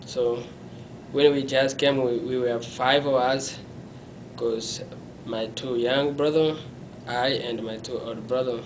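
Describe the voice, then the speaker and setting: The audio is poor and a steady rumble runs through it as a young adult interviewee from Congo shares his life story in a small room indoors, a camera a few feet away. He keeps his pitch flat, uses his hands as he speaks, and stumbles through restarts and self-corrections in non-native phrasing.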